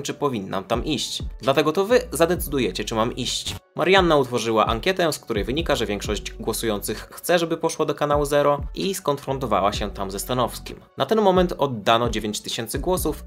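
A man's voice: mid-range voice, fairly bright tone. Young man reading scripted online news. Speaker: news commentator host. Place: indoor studio, dark backdrop.

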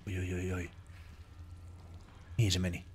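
A man from Finland giving casual let's play commentary, excitable and swearing, with yelps and laughs at the game. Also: low-pitched, noisy background.

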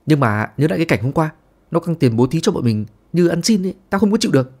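A man performs a brash young hothead in a spoken ghost story, loud and theatrical, with a whiny edge. The voice sits high and strained, far above a relaxed speaking pitch. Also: quick pace. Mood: resentful.

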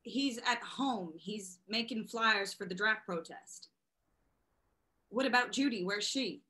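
A woman reading the part of a hurried, puzzled young woman student in a play reading. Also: medium pitch, bright, forceful tone. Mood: shaken. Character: distracted young woman art student, twenty.

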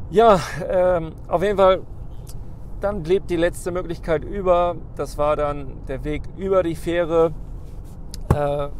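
The host of a casual travel vlog, a man whose voice sits on the high side and sounds a little mellow, rambles with frequent ums and restarts. He's in a car moving through a snowy forest, filmed by a dashboard camera, with faint car noise in the background.

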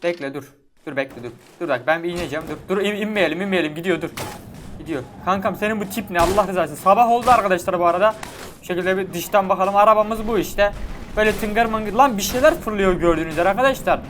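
A man giving chatty, excitable let's-play commentary to his viewers. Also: sits high, fast. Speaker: gaming YouTuber. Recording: game audio and vehicle noise behind.

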